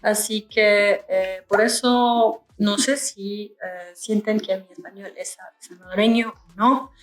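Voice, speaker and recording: A woman's voice: mid-range voice, steady tone, a little slow, soft background music. Chatty young woman, echoey room. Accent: France-style French learned in Canada. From Canada. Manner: chatty, musing aloud with many fillers. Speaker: beauty vlogger. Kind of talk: casual get-ready-with-me chat.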